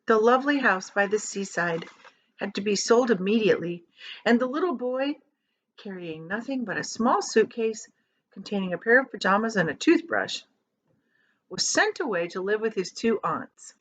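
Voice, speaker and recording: A woman reading a children's storybook aloud as a teacher would, with dramatic emphasis and drawn-out key words. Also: medium pitch, animated, highs cut off.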